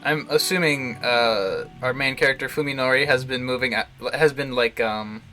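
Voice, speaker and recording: Streaming a visual novel, a man thinks aloud in loose, jokey commentary at a moderate pace, his medium-pitched voice pushed and bright, with game music in the background.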